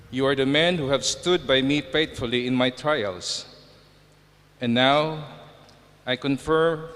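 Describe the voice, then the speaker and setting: Slow man reading in cathedral echo. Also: mid-range voice. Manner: slow, loud, measured declaiming. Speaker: gospel reader at a liturgy. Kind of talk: solemn liturgical gospel proclamation. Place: large church. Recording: distant voice with long church reverb.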